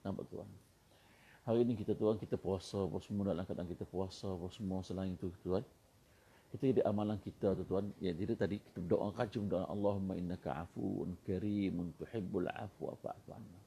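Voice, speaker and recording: A man's voice: low-pitched, steady tone, fairly quick, creaky, dark tone, a little hiss or hum. A male preacher with a Malaysian Malay accent, giving a sermon in which he often calls his listeners "tuan" and chants Arabic phrases with rising and falling emphasis.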